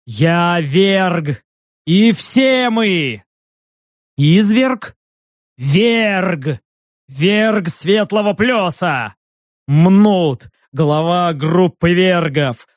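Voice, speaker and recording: A man's voice: high voice, no echo, clean studio sound, full character voice. A man voicing a proud, blustering male patrol leader who argues indignantly in an audiobook.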